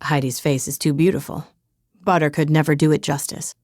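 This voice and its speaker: A woman voicing a charming, smitten young man in a romance audiobook, with a lowered, soft voice. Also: little pitch movement, a little fast, no echo, studio quality, natural voice. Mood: soft teasing.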